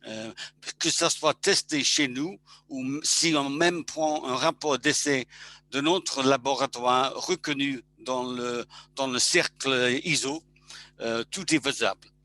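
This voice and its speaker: A male engineer giving a webinar presentation, halting and full of restarts. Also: medium pitch, pushed and bright, slight background noise.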